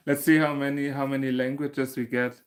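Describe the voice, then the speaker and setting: Hosting his crochet channel's casual livestream, a German man chats about viewer comments, often laughing and beginning sentences again. He keeps a moderate pace and a level, mid-range tone.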